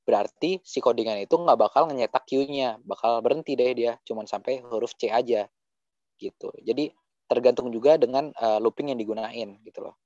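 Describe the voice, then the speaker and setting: A man's voice: medium pitch, normal speed, a little mellow, no room sound. A young man teaching assistant casually adding tips and inviting questions in an online coding tutorial. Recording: dry, dull lo-fi mic.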